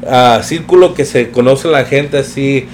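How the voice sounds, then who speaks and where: A young man telling a story in a relaxed, slangy way, mixing in English phrases. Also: mid-range voice, a little slow, a little hiss or hum. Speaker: podcast guest telling his career story. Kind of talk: casual storytelling chat.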